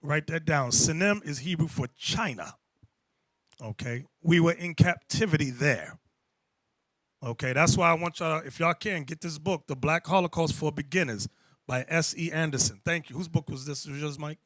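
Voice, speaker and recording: Male bishop teaching a Bible class, commanding, bright and high, dry room. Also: moderate pace, no echo. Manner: commanding, calls out verses and explains each one. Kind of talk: preaching Bible lesson.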